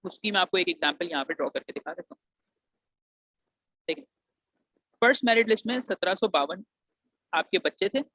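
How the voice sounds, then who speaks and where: A man's voice: high voice, expressive, fairly quick, pauses often, pushed and bright, no room sound. Man advising students. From Pakistan. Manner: mixes English phrases into Urdu, calls students "beta". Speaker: admissions advisor for engineering students. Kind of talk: explanatory lesson to students. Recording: dull, dry lo-fi recording.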